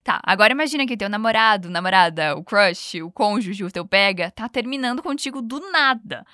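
Woman teaching english on a podcast, patient and coaxing, repeats phrases nice and slow. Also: mid-range voice, animated, bright, forceful tone, no room sound, clean studio sound. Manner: patient, coaching, slows down for model phrases. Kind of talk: podcast language lesson.

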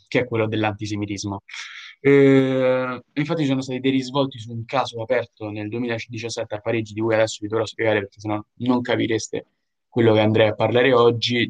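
Chatty young man, mid pitch. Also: muffled recording. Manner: chatty, digressive, laughs while talking. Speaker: co-host. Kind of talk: casual news chat.

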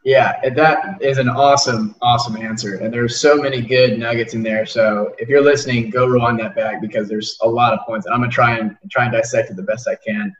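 A man's voice: mid-range voice, steady tone, brisk, hardly any pauses. Roomy distant young man chatting. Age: 20s. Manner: rambling, repeats words, earnest. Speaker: podcast host. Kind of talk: casual interview chat. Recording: roomy, distant, dull sound.

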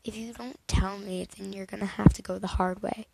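A woman's voice: mid-range voice, steady tone, moderate pace, gravelly, very noisy, lightly acted. A woman voicing a stern middle-aged male teacher in a fan fiction reading, giving firm instructions.

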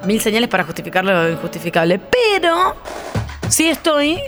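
Una mujer con acento rioplatense que charla con soltura y reacciona con expresividad. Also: female voice, medium pitch, very animated, normal speed, over music. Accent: Rioplatense Spanish. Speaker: radio show co-host. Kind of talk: casual chat.

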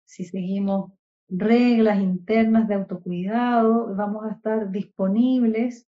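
Reflective, earnest woman guest, slightly high voice, dull lo-fi call sound. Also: dark tone. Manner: earnest, reflective, spiritual talk. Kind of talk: casual spiritual chat.

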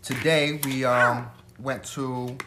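A man's voice: medium pitch, level tone, slow, a loud crowd. A young adult man co-hosting a casual food vlog, easygoing and hesitant, with many ums. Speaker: co-host.

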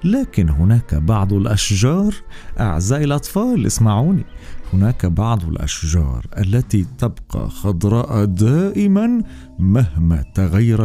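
Low dark-voiced guy telling kids a bedtime story, lots of pitch swing, music under. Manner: warm-paced, expressive, addressing children. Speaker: storyteller host. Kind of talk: bedtime story narration for children.

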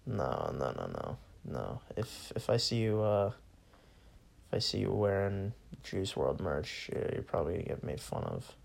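Gravelly young man ranting alone. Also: deep voice, sing-song, moderate pace, darkish tone. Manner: profane, bored and sarcastic, laughs often. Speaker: solo podcaster. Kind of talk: casual solo rant.

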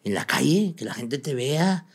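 A young adult man with a Mexican Spanish accent, a comedian guest chatting casually in an interview, talking fast and animated with lots of slang. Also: mid-range voice, husky.

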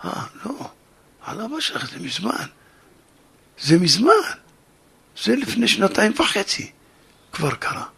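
A man voicing a young woman friend who hesitantly breaks bad news in a hushed, halting way. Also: high voice, sing-song, creaky, husky, pitched above the performer's own voice, exaggerated voice. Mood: awkward.

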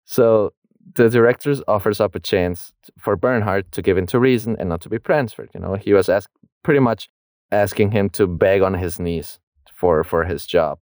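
A man's voice: lowish voice, a little mellow, no echo, studio quality. A young man co-hosting a podcast, casually retelling a book's plot in a chatty, slangy way. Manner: chatty, slangy retelling with laughs and quick voiced asides. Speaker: podcast co-host. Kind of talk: casual book discussion.

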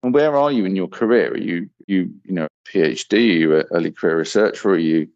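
A man hosting a podcast with a very deep, gravelly voice asks blunt, probing questions. His talk is conversational and frank. The sound is dry and somewhat muffled. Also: quick pace, a little mellow, no room sound. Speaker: podcast host, interviewer. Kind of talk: conversational interview. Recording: dry, muffled low-fidelity audio.

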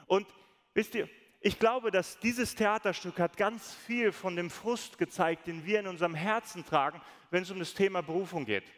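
A man preaching as a pastor, telling stories with lively acted-out quotes. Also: high-pitched, normal speed. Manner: storytelling, animated, acts out quoted voices. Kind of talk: sermon. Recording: long reverb of a large hall.

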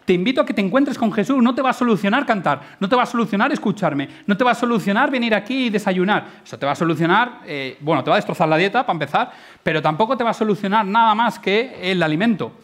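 Man, informal sermon, high voice, lively then hushed, acts out scenes. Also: fast. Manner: dynamic, drops to hushed intimate tones, acts out dialogue. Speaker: preacher.

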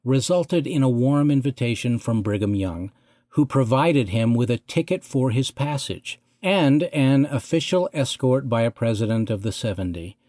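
A male narrator reads a scripted church history in a measured, deliberate manner. His voice sits at an average pitch and is recorded close and dry, with no room sound. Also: expressive, warm tone, dry recording.

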